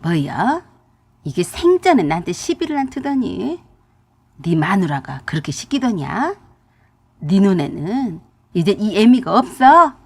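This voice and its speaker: A woman's voice: mid-range voice, very animated, measured pace, slightly rough, heavily acted. A woman voicing a furious older mother-in-law who scolds in rustic dialect turns, in a radio drama reading. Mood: scolding.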